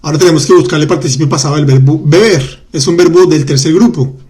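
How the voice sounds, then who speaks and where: A man teaching grammar in a live online class, chatty and patient, reading out student comments and repeating words slowly. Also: fairly high pitch, a little mellow. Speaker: French teacher.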